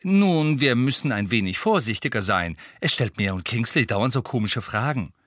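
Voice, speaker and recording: A man's voice: medium pitch, expressive, moderate pace, fairly bright tone, dry recording, studio quality, close to an everyday voice. A man voicing a tired, friendly young witch who talks through yawns in an audiobook. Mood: sleepy. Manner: yawning, sleepy.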